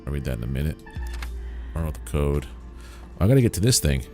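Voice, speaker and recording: A man with a low, creaky voice streams a game casually. His intonation swings widely as he comments informally and mutters to himself, with faint music behind. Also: sing-song, quick pace. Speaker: livestreamer. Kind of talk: casual game livestream commentary, with some reading aloud.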